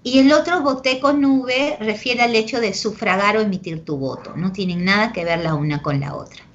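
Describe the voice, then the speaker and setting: A woman's voice: mid-range voice, normal speed. A woman teacher with a Peruvian Spanish accent giving an online language class, explaining with examples and checking in with "¿ok?" and "¿de acuerdo?", affectionate with her students. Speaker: pre-university language teacher. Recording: dull lo-fi audio.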